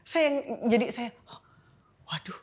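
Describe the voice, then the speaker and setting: A woman's voice: on the high side, animated, a little slow, a little mellow. A middle-aged woman sharing a personal testimony as an interview guest, talking candidly and emotionally in a loose, colloquial way. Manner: candid and emotional, colloquial with frequent filler tags. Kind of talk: casual interview chat.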